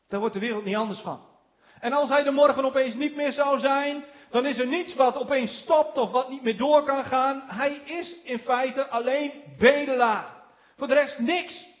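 Man with a very high voice, sermon delivery, stretches key words for emphasis, dull lo-fi recording. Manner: slows down on key words for emphasis, with small chuckles. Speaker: preacher.

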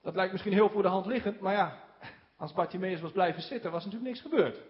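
High-voiced male preacher, lo-fi sound. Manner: slows down on key words for emphasis, with small chuckles. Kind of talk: sermon. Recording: dull lo-fi recording.

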